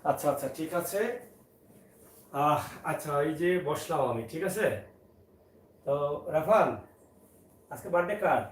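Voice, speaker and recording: High-voiced father vlogging. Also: animated, a little slow, pauses often. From Sylhet, Bangladesh. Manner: coaxing and teasing, talking to his child and to viewers in turn. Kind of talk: casual family vlog.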